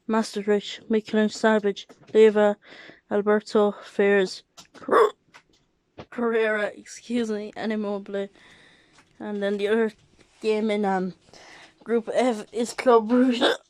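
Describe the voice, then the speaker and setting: A woman's voice: mid-range voice, a little mellow, smooth, no room sound, poor audio. A woman with the hiccups, casually running through football results and lineups and often excusing herself. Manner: reads out lineups, keeps apologizing. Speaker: football vlogger. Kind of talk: casual live football reaction.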